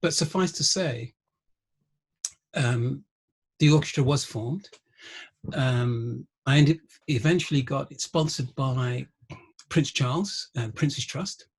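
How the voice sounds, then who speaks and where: A middle-aged man, a guest musician and researcher, telling wry anecdotes in an interview, often pausing with ums. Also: mid-range voice, husky. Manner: anecdotal, wry, laughs through stories, frequent ums. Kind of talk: conversational interview storytelling.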